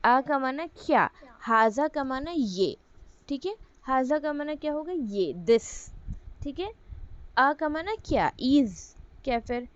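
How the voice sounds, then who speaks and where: Higher-voiced woman teaching Arabic grammar. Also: expressive, slow, lo-fi sound. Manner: explains step by step, asks and answers own questions; repeats "ठीक है" as a check-in. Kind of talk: online Quran Arabic lesson.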